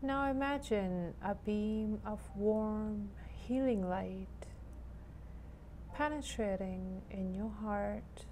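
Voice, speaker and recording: Very slow, mellow woman guiding meditation. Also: mid-range voice, a little hiss or hum. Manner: soothing, gentle, unhurried with long pauses. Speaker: guided meditation leader. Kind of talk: guided meditation.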